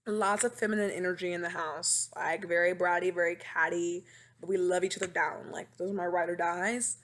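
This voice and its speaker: A woman's voice: on the low side, a little fast. A woman in her twenties hosting her own casual podcast, rambling and dramatic, recorded on a webcam microphone at home. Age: 20s. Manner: animated, rambling, dramatic and self-mocking. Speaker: podcast host. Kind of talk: casual chat.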